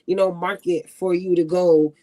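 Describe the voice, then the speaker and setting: A man hosting a podcast, talking in a relaxed, casual way. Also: sits high, normal speed. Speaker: podcast host.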